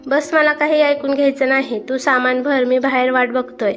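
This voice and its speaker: A woman's voice: high-pitched, flat delivery, normal speed, a bit bright, faint music behind. A woman voicing a hardworking young farmer husband who scolds his wife sharply, in a storybook reading. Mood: angry. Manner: stern and scolding.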